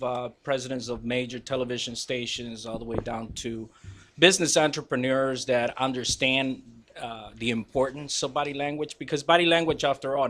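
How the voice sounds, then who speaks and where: A man's voice: mid-range voice, a bit bright, slight background noise. A man from Guatemala whose first language is Spanish, speaking confidently and emphatically as a body language teacher guesting on a radio talk show. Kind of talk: casual radio interview.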